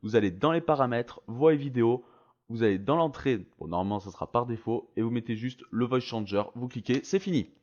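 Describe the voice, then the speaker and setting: A man's voice: mid-range voice, a little fast, darkish tone, lo-fi sound. A man narrating a tutorial in a casual, slangy and enthusiastic way. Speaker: video creator presenting a voice-changer tool.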